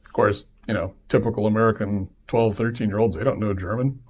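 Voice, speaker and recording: Fairly low and a bit breathy, this male podcast host talks quite quickly as he shares a casual personal anecdote. He animates it by doing the voices of the people involved.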